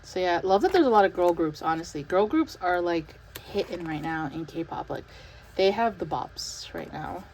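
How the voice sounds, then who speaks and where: A young woman chatting casually as she unboxes an album, talking in an excited, breathless way with lots of fillers. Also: lowish voice, moderate pace, a little hiss or hum, poor audio. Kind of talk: casual chat.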